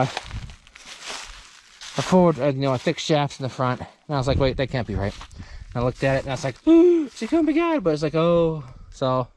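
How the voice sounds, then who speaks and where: Man, casual vlog host, rambling, thinking out loud, many fillers, middle pitch, faint background noise. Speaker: channel host.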